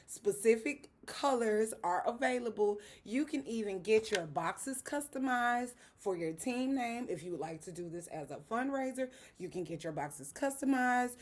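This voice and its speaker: Brief: young Southern-accented woman, vlog host, playful and sassy, mid pitch. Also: darkish tone. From Southern United States. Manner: chatty, playful, sassy asides. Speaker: dance educator and channel host. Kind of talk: casual tutorial vlog.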